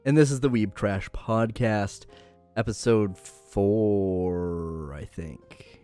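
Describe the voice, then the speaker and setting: A man's voice: on the low side, takes it slowly, dark tone, faint music behind. A young man co-hosting a casual podcast chat, chatty and unsure, laughing often. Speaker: podcast co-host.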